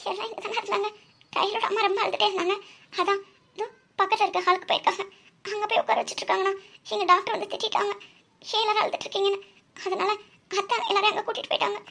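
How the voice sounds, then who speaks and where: A woman doing Sakthi, a very high tearful young woman. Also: level tone, very fast, creaky, a bit bright, exaggerated voice. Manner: tearful, worried.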